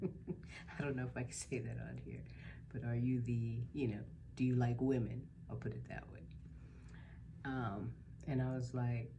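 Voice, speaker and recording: A woman's voice: rumbling low, noisy background. A middle-aged woman telling a story in a casual, chatty vlog style, acting out what people said. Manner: chatty, animated when quoting people. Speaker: mukbang vlogger.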